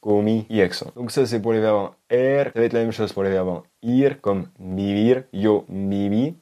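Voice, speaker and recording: A man teaching an online language lesson, explaining step by step and repeating each example slowly. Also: mid-range voice, mellow, lo-fi sound. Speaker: Spanish teacher.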